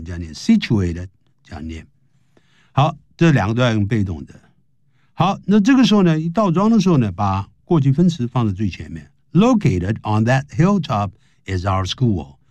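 A man teaching English grammar on a broadcast lesson, explaining in Chinese and reading English example sentences slowly and carefully. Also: mid-range voice, a little mellow, no echo.

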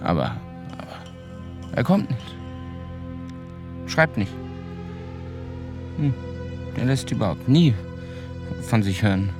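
In a first-person radio drama monologue with music underneath, a man with a low, creaky voice plays a disillusioned, slangy small-town car mechanic and ex-convict narrator. He speaks colloquially and haltingly, as if mulling things over, yet his voice is very animated and exaggerated. The mood is bitter and resigned.

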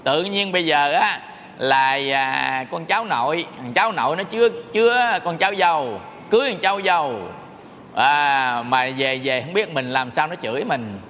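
Man, monk's sermon, high voice, long hall reverb, faint hiss. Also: lively intonation, normal speed, pushed and bright. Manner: folksy, quizzes listeners with rhetorical questions. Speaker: Buddhist monk teaching. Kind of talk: dharma talk sermon.

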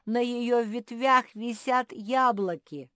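A woman's voice: a little high, takes it slowly, bright, forceful tone, no room sound, studio quality, pitched above the performer's own voice. A woman voicing a cheeky, teasing squirrel boy in a storybook reading. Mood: mocking. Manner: sly, giggling, teasing.

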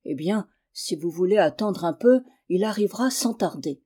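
A woman's voice: fairly low pitch, animated, moderate pace, warm tone, breathy edge. A woman reading aloud and voicing an old mother who protects a boy and scolds her son. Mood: protective.

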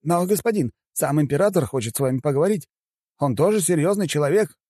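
A man's voice: on the high side, lively intonation, fast talker, mellow, no room sound, clean studio sound, pitched above the performer's own voice. Man doing a jittery timid aide. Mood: anxious. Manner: nervous, stammering. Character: timid, frightened male aide in a suit. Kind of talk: audiobook character voice.

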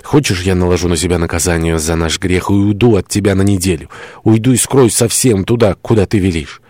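A man reading as a young lover in torment, fervent and pleading, in a deep low voice that stays close to the reader's own. The audiobook sound is dry and near the mic. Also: fairly quick, darkish tone, no echo.

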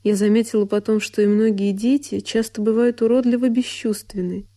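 Alone in a studio radio production with music behind her, an actress performs a dramatic literary monologue as a sorrowful young woman recalling a lonely childhood. Her delivery is intimate, deliberate and lightly acted, with a warm, medium-pitched voice and fairly even intonation. The mood is wistful and pained.

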